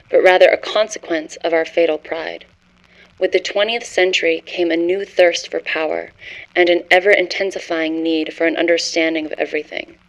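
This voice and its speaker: A woman's voice: on the low side, close to an everyday voice, low-quality recording. A woman narrating a scripted horror story as a haunted scholar, in a grave, literary first-person manner. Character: haunted scholar confessing forbidden cosmic horror discovery.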